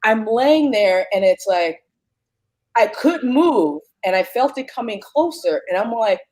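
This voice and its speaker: On a casual podcast, a female guest recounts her own ghost story, animatedly acting out moments with sudden pitch jumps. She speaks a little slowly, and there's no echo.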